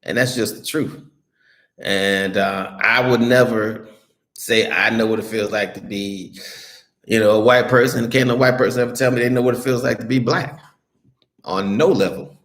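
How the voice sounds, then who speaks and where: A man's voice: on the low side, fairly even intonation, normal speed, a bit bright. Blunt, profane American man in a roomy echo. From United States. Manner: blunt, profane, rambling with many restarts. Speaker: vlogger reading live chat. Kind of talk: casual live-stream chat. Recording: roomy echoey recording.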